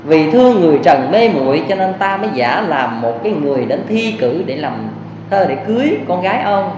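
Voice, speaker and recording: A man's voice: sits high, very animated, fairly quick. A man voicing a compassionate bodhisattva who solemnly admonishes an old man from the sky. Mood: solemn admonishing. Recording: echoey hall, faint hiss.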